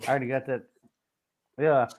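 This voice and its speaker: Male podcast host, mid-pitched, crude and teasing, laughs a lot. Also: flat delivery, a little fast, crowd noise. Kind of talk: casual comedic podcast chat.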